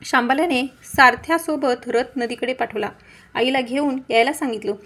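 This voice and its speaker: A woman narrating a devotional folk tale in a steady, measured storytelling manner. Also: high voice, breathy edge.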